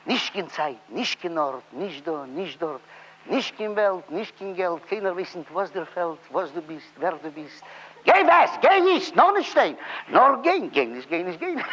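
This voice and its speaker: A man's voice: high-pitched, moderate pace. A man with a Yiddish accent reciting a comic song-poem in a rhythmic, sing-song chant, full of playful repetition. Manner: lively, playful, repeats phrases with rising excitement. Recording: dull lo-fi recording.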